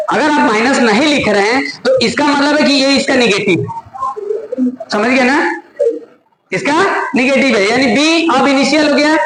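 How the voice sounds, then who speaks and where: A man teaching math to a class, explaining step by step and teasing and scolding students, checking often that they follow. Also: very high voice. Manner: scolding and joking with students, repeated check-ins. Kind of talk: classroom lecture. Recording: echoey classroom with student chatter.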